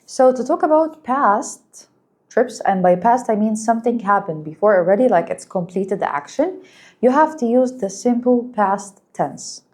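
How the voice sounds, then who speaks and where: A woman whose first language is Arabic teaching an English lesson, speaking slowly and clearly and praising her students. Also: fairly high pitch, expressive, a little mellow. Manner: patient, encouraging, slow and clear, explains in Arabic too.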